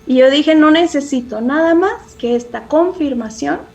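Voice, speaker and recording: A woman's voice: high-pitched, normal speed, a little mellow. A woman speaking as a parenting expert in a podcast interview, earnest and reflective, often restarting phrases and adding tag questions.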